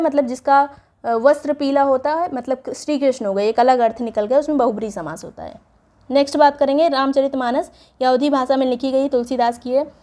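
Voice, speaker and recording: A woman's voice: high voice, darkish tone. A woman teaching an exam prep lesson, explaining step by step and reading word lists aloud. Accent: Hindi, North Indian.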